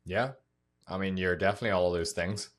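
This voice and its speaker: Low-voiced swearing podcast host man. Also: fairly even intonation, fast. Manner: loose, swears casually, many fillers. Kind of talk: casual podcast chat.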